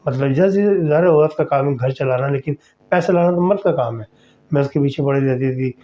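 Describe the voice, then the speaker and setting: A man hosting a podcast, telling a horror story in a chatty, conversational way and speaking directly to the listener. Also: mid-range voice. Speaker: storyteller host. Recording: slightly dull lo-fi recording.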